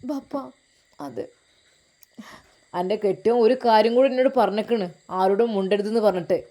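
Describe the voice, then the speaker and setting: A woman's voice: mid-range voice, moderate pace, warm tone, pitched below the performer's own voice, lightly acted. A woman voicing a hurt, timid young married daughter. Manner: timid, defensive.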